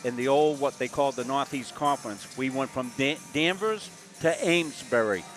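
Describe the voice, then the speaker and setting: A man's voice: medium pitch, moderate pace. A man in his sixties from Massachusetts, calling a college basketball game courtside in a folksy, rambling way with lots of filler words. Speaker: play-by-play announcer. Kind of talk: live basketball commentary. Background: music.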